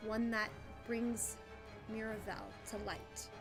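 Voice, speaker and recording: A woman with a high voice plays in a tabletop role-playing game. She is giggly and excitable, yet she takes her time getting words out. Faint music sits behind her casual talk. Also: slow pace. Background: background music.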